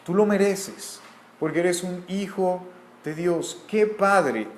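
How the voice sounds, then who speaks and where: A man's voice: high-pitched, slow, echoey room. A man from Mexico with a Mexican accent, giving an earnest, repetitive Bible teaching. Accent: Mexican Spanish.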